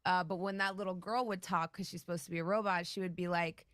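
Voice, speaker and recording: A woman's voice: on the low side, fairly even intonation, quick pace, a bit bright, no echo, clean studio sound. A woman game master chatting casually in a livestream Q&A, rambling and laughing often. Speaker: game master and show creator.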